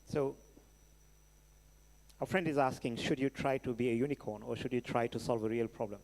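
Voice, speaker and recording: Man, Senegalese accent, keynote speaker, middle-pitched voice, emphatic and conversational, long hall reverb. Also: steady tone, normal speed, darkish tone. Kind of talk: keynote question-and-answer talk. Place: large hall at a live event.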